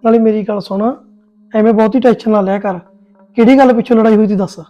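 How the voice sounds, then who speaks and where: A man's voice: sits high, steady tone, quick pace, mellow, lo-fi sound, natural voice. A man playing an easygoing young husband in a joint family, placating both his wife and sister-in-law. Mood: calming. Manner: placating, peacemaking. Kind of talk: Punjabi family sketch acting.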